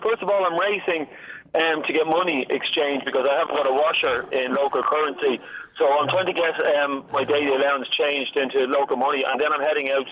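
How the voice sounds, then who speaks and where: A man chatting informally and jokily as he reports live over the phone. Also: a little high. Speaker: radio show presenter on a challenge. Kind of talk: live radio report, casual chat. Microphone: phone call. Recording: thin, phone-like line.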